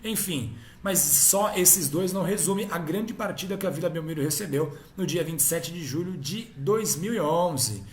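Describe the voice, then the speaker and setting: Field: football history video. A chatty man recounts past matches in a slightly high voice, often tagging his sentences with quick questions. He sounds like he is in an echoey room, with a faint hiss behind him. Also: a little mellow. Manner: chatty, frequent tag questions. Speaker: host. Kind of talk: casual football history talk.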